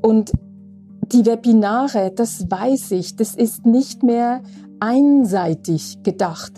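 A woman nearing sixty speaks in a slightly raised, very mellow voice. She talks unhurriedly through a reflective spiritual monologue, often pausing to ask "ja?", with faint guitar music behind her. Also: a little high. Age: 50s. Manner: slow, reflective, with frequent asking "ja?". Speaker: podcast host.

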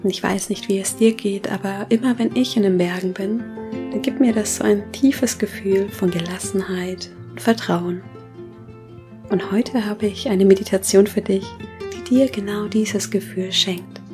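A woman's voice: medium pitch, steady tone, moderate pace, music in the background. A woman speaks as a meditation podcast host, addressing the listener in a scripted introduction.

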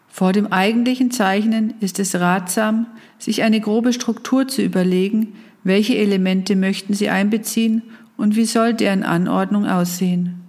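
Female narrator, mid pitch, calm and measured, carefully enunciated mindfulness instruction. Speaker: guided mindfulness exercise narrator. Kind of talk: scripted guided-meditation narration.

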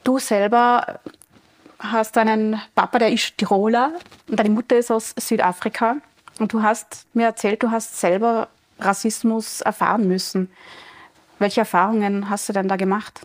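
A woman's voice: mid-range voice, fairly even intonation, moderate pace. A woman hosting a TV interview, asking questions in a friendly, conversational way. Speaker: TV host. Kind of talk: broadcast interview.

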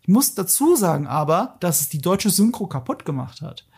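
A man hosting a podcast and chatting casually, animated and opinionated, with emphatic asides. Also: high voice, normal speed, creaky, husky. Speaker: podcast host. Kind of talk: casual discussion.

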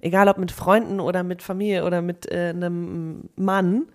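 A woman's voice: on the low side, little pitch movement, normal speed. Chatty young woman podcast co-host. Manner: chatty, frequent fillers like "so" and "ne". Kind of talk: casual chat, reading listener letters.

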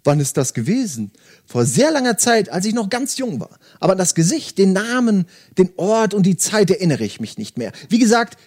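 Casting: man voicing wise, courteous cat for a book reading, slightly raised, lively pitch. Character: calm, wise old cat, polite and curious.

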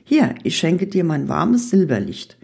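A woman reading aloud and voicing September as a gentle, friendly male figure who speaks softly and consolingly. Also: fairly low pitch, sing-song, unhurried, vocal fry, husky, voice pushed up, exaggerated voice. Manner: soft and consoling.

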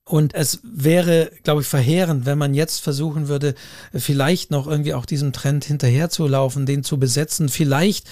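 Male podcast co-host, fairly high voice, dry close sound, measured and reflective delivery. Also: fairly even intonation, darkish tone, dry recording. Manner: thoughtful, hedging, repeats phrases. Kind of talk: casual discussion.

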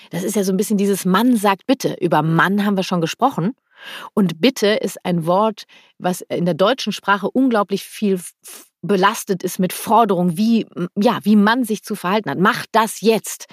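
A woman's voice: lowish voice, no echo, studio quality. A woman hosting a parenting podcast, giving direct, practical advice in an informal way and offering example phrases to say to children. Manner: informal, blunt at times.

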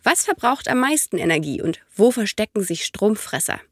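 A woman narrates a podcast as its host from a script. Her voice sounds stuffed up, as with a head cold. The sound is dry and close, with very little room, and her pitch sits in a middle range. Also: sing-song, moderate pace, breathy edge, dry recording. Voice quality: stuffy-nosed, congested voice from a cold.

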